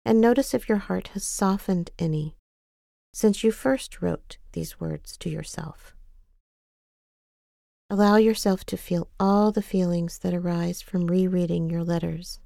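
A woman narrates a guided exercise with a compassionate, gentle touch. Her voice is mellow and relaxed, with a noticeable creak, and she takes her time. The sound is close and very dry. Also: lowish voice, no echo. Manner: gentle, compassionate, unhurried coaching. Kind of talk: scripted guided self-care exercise narration.

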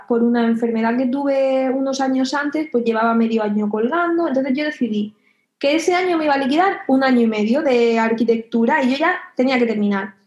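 A young woman in her twenties being interviewed, telling a personal story in a hesitant, reflective way with many pauses and fillers. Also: on the high side, darkish tone. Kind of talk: personal testimony. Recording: echoey room, dull lo-fi sound.

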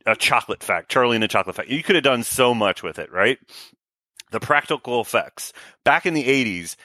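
A man's voice: fairly low pitch, bright, forceful tone, dry recording. A man co-hosting a podcast, chatting casually about a movie and ending many of his points with "right?". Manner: tags statements with "right?". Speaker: podcast co-host. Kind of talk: casual movie review chat.

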